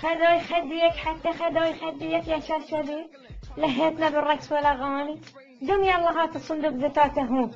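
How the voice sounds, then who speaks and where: A performer with a Bahraini Gulf Arabic accent voicing a brisk, bossy Smurf in a comic cartoon dub. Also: sits high, steady tone, gravelly. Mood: bossy, exasperated. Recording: dull lo-fi sound, music behind.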